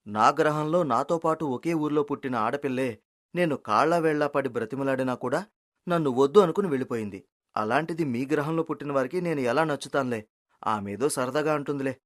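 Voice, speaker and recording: A voice actor playing a humble, kind-hearted young village man in an animated story, gentle and pleading. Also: mid-range voice, a little fast, close to an everyday voice. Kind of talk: storybook cartoon voice acting.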